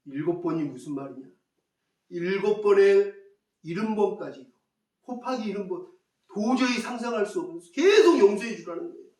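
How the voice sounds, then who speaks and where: A male pastor with a high voice preaches a sermon and keeps putting questions to his congregation. He repeats his key phrases to drive them home. The sound is roomy and echoing, picked up from some distance away in a church. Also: expressive, moderate pace, darkish tone. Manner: asks the congregation rhetorical questions. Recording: echoey church hall, mic at a distance.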